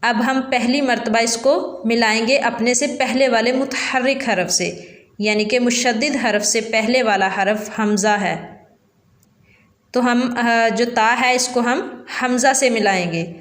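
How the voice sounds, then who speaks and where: A woman's voice: fairly high pitch, measured pace, a bit bright, echoey room. A woman teaching a Quran reading lesson with a Pakistani Urdu accent, explaining each rule patiently and repeating it twice.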